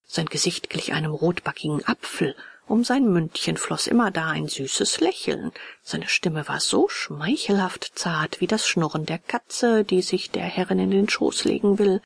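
A woman reading a classic children's story aloud as an audiobook, switching into lively character voices for the dialogue. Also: lowish voice, unhurried, vocal fry, husky, no room sound. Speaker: audiobook reader. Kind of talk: storybook narration.

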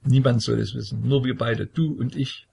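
A man voicing a frightened, pleading young tsarevich, reading him a little raised and earnest in a husky, creaky voice. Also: mid-range voice, steady tone, moderate pace, a little mellow, exaggerated voice.

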